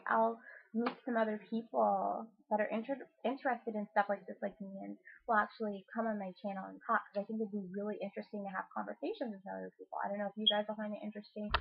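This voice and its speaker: A woman in a casual vlog, excited and rambling, filling pauses and swearing freely. Her voice sits at a middle pitch with a slightly husky edge. The sound is thin and lo-fi, like a phone line. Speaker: YouTube channel host.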